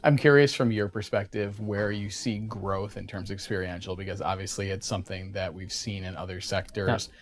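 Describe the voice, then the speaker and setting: A man's voice: sits low, fairly even intonation, brisk, few pauses. A man interviewing informally, framing his questions with hypothetical quotes. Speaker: interviewer, healthcare industry journalist.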